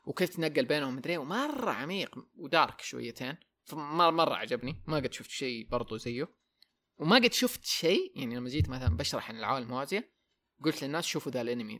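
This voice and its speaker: A man's voice: mid-range voice, expressive, racing, pushed and bright. A young man hosting a casual podcast chat, rambling, repeating words and slipping into English. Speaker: podcast host.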